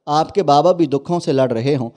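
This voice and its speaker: A man's voice: a little high, darkish tone. A man narrating a dramatic moral story in an emotional, preachy manner.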